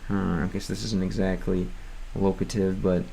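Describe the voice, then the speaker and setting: A deep, warm, creaky male voice keeps a level tone and measured pace, with a little hiss or hum in the recording. He's a young American streaming casually, rambling through beginner Russian with many fillers, restarts and self-corrections.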